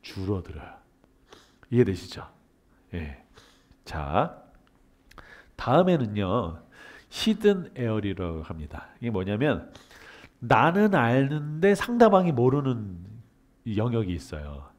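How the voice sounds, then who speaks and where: Man lecturing, animated pitch, rhetorical questions, acts out little dialogues. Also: slow, long pauses. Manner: asks questions and answers them himself; acts out everyday dialogue in lively voices. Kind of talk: humanities lecture.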